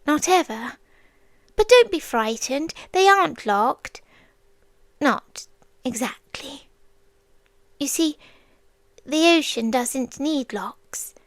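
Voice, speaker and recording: For an ASMR roleplay, a British woman takes on an exaggerated voice as a childlike, possessive female sea demon, quietly menacing beneath the tenderness and eeriness. Her voice sits high and is animated, soft and breathy, often whispering with slow, coaxing pauses. No echo is present.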